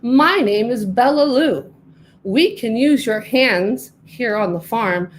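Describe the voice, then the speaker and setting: A woman voicing a friendly female dairy cow in a storybook reading, with drawn-out moos. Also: on the high side, animated, a little hiss or hum. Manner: mooing, welcoming.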